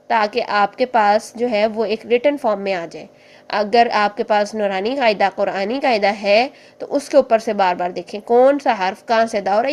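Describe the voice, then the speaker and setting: Patient woman Quran teacher, fairly high voice. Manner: patient, explains step by step, demonstrates sounds slowly. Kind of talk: online Quran class.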